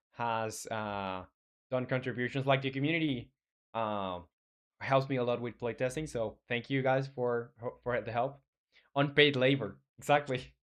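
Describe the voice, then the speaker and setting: Coding live, a young Chilean game developer chats loosely with viewers and reads their comments, speaking with Spanish as his first language. His voice sits at a normal middle pitch, and his sentences stall and restart, padded with "uh" and "like."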